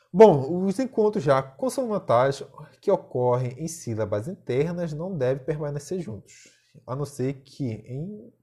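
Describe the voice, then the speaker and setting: A man's voice: mid-range voice, warm tone, slightly rough. A male teacher with a Brazilian accent giving a recorded lesson, explaining step by step and often checking in with short tag questions.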